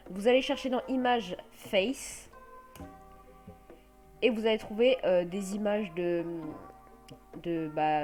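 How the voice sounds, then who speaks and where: A woman with a French accent and a mid-range voice hosts a casual software tutorial. She explains things step by step, with many hesitant fillers.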